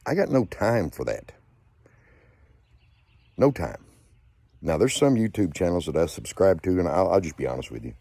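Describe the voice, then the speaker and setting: A man with a very low, dark voice rants angrily at the camera. He swears freely and keeps hammering the same points. His tone is husky and mellow rather than bright. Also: very animated, normal speed, pauses often, no echo. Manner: angry, profane, repetitive ranting. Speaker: channel host. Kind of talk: angry rant to camera.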